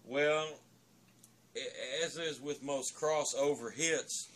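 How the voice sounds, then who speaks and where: A man's voice: on the high side, slow pace, a bit bright, slight background noise. A man giving a drunken, opinionated, profane rant in a rambling storytelling way.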